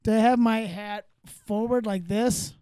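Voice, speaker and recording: High-voiced forty-something man joking around. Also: steady tone, slow pace, warm tone, clear, resonant tone, no room sound, clean studio sound. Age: 40s. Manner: playful, repeats and riffs on jokes. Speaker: comedy podcast host. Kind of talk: casual comedic banter. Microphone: studio microphone.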